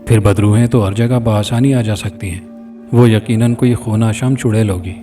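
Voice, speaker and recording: A man voicing a nervous young man who speaks in a shaky, hushed way. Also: on the low side, steady tone, lightly acted. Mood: uneasy. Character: nervous but level-headed young man, friend. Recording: distant mic with faint music.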